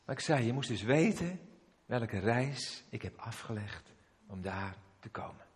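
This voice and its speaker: A man's voice: medium pitch, lively intonation, measured pace. A middle-aged man preaching a sermon, telling a personal story emotionally with frequent restarts and asides. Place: church. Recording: long reverb of a church hall.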